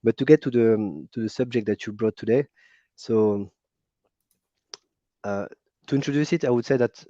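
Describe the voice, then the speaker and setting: Calling in to a stream from France, a man with a French accent speaks in a lowish, mellow voice at a moderate pace. His casual talk is full of fillers and restarts, and the video-call audio is muffled and lo-fi, with no room sound.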